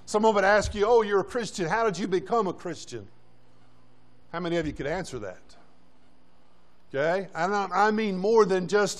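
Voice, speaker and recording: A high-voiced man preaching a sermon in a church, pressing his congregation with short repeated commands. He keeps asking them questions, and he is out of breath. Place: church sanctuary.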